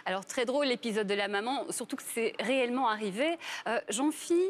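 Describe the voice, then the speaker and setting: A woman's voice: on the high side, a little fast. A woman hosting a culture interview on a news channel, reading friendly scripted introductions and giving short prompts.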